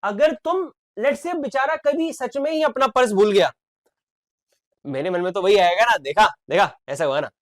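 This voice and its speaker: A young man from India who teaches an online exam-prep lecture, talking with lively emphasis and mixing in English. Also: extremely high pitch, measured pace. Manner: animated, emphatic, switches between Hindi and English.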